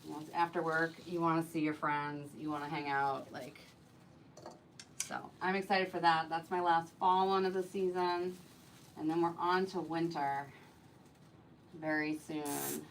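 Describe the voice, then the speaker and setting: A woman with a slightly low voice chats away while crafting on a live stream. She rambles happily, fills her talk with "like", and mutters to herself as her hands keep working. There is faint hiss behind her. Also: flat delivery, unhurried, rough recording. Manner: chatty, rambling, many "like" fillers. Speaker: wreath designer hosting a live stream.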